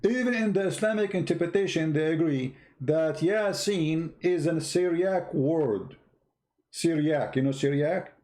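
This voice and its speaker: This live-stream host, a religious polemicist, has a mellow, fairly high voice and speaks at a measured pace. His informal monologue is argumentative, mocking and challenging, full of repeated phrases and rhetorical questions. His grammar marks him as a non-native English speaker.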